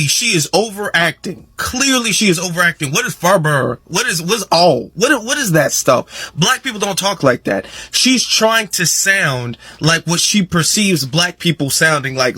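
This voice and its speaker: A man's voice: fairly high pitch, sharp tone, breathy edge, no echo. Exasperated man reacting in a dry close recording. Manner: exasperated, emphatic critique. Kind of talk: stitched reaction commentary.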